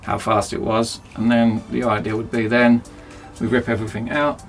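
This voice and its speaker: A man's voice: mid-range voice, little pitch movement, moderate pace, gravelly, faint music behind. A man chatting casually and self-mockingly as he rambles through a DIY project in his cramped home workshop. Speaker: DIY video host.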